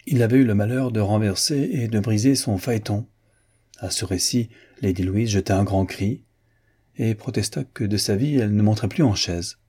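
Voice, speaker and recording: A man narrating a classic novel as an audiobook reader, in an even, unhurried manner. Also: on the low side, breathy edge.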